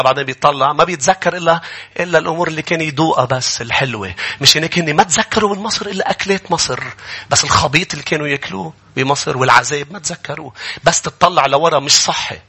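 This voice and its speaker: A man with a Lebanese accent, a pastor delivering an animated sermon and acting out grumbling people. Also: on the high side, racing, slightly rough.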